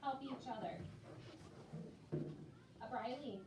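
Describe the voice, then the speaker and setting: Speaking slowly in a high-pitched voice, this female primary school teacher guides young children through a class discussion, offering encouragement and echoing what they say. It was recorded in an echoey space with a far-off microphone and noticeable background noise.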